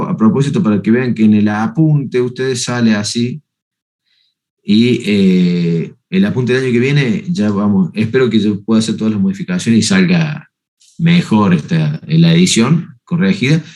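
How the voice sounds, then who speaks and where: A man's voice: lowish voice, darkish tone. A man giving a university math lecture, working step by step through the notes and checking that students follow. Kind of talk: university lecture on analytic geometry.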